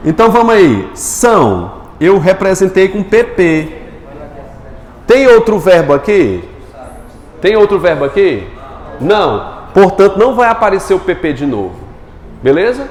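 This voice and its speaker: Lively man teaching. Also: high voice. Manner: lively, asks and answers his own questions. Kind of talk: live online grammar class. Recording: echoey room with long reverb.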